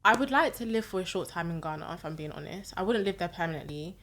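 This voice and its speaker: A woman's voice: lowish voice, fast. Laid-back woman in her twenties. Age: 20s. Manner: relaxed, chatty, laughs easily. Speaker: podcast co-host. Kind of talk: casual chat.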